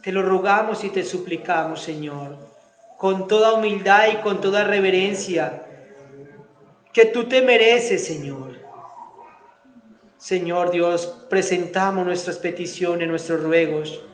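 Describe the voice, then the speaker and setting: A man preaching a sermon in Spanish, rising into emphatic bursts and then praying quietly and fervently. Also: sits high, slow pace, echoey room. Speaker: pastor. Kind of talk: sermon and spoken prayer.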